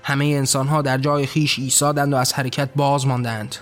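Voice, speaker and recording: A man's voice: mid-range voice, flat delivery, fairly bright tone, soft background music. Solemn male story narrator.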